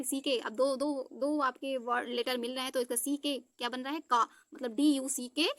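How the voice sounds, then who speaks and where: A woman teaching letter sounds, slowly sounding out each letter and asking questions that she then answers herself. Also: high-pitched, a bit bright, no echo. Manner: patient, asks the class questions and answers them herself. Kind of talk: phonics lesson for Hindi speakers.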